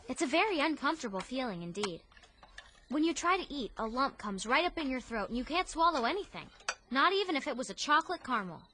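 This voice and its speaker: A woman's voice: a little high, bright, forceful tone, slight background noise. A woman playing Anne Shirley, an effusive orphan girl. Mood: despairing. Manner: breathless, effusive, theatrical. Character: talkative imaginative orphan girl, dramatic, romantic. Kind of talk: audio drama acting.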